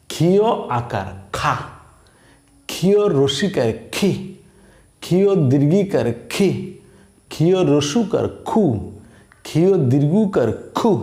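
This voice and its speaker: Male teacher, slow drawn-out recitation, checks in with students, slightly high voice, roomy echo. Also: warm tone. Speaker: Bengali spelling teacher.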